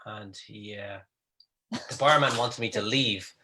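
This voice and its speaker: Male comedian, animated storyteller, bright tone, mimics others, casual livestream chat. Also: on the low side, slow pace, a little hiss or hum.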